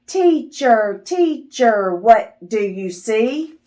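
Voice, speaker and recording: Her voice is on the high side, mellow and sing-song, extremely slow. This woman, a children's video host, reads a picture book to young children like a teacher, asking questions and praising the answers.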